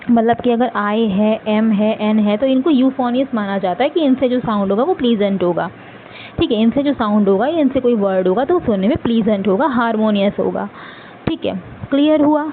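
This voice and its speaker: A woman teaching literary terms for exams in Hindi and Indian-accented English, speaking fast, repeating each point and checking that students follow. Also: on the high side. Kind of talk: exam-prep lecture in Hinglish. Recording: tinny phone-like audio with clear background noise.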